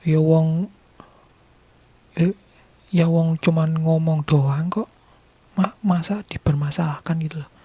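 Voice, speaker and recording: A man from Bali with a Balinese accent, chatting casually to his viewers, laughing often and sometimes dropping into a soft whisper. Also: on the high side, steady tone, takes it slowly, long pauses, breathy edge, dry recording. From Bali, Indonesia. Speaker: vlogger.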